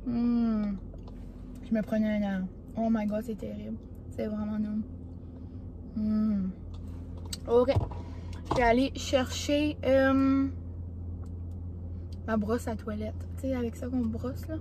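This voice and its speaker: A woman's voice: fairly high pitch, steady tone, takes it slowly, long pauses, background noise. A young woman with a Québécois accent, chatting casually to camera, rambling with lots of filler words. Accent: Québécois French. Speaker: vlogger. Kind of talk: casual vlog chat. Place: café, then home.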